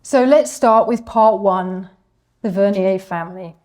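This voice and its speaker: A woman's voice: medium pitch, a little slow, darkish tone. A woman giving a scripted history presentation to an audience, reading steadily and stumbling a little over the French names. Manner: reads from a script, apologizes for her French pronunciation.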